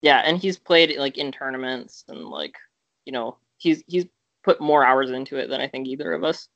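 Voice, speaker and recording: A man's voice: mid-range voice, lively intonation, moderate pace, creaky, a bit bright, no echo, muffled recording. A young man co-hosting a podcast, telling a story in casual chat, rambling with lots of fillers and restarts. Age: young adult. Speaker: podcast co-host.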